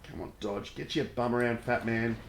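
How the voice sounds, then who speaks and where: A man's voice: mid-range voice, fairly even intonation, normal speed, gravelly. A man chats through a live game stream in a blokey, sweary way. His voice sits in an echoey room with some ambient noise behind it. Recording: roomy echo, background noise.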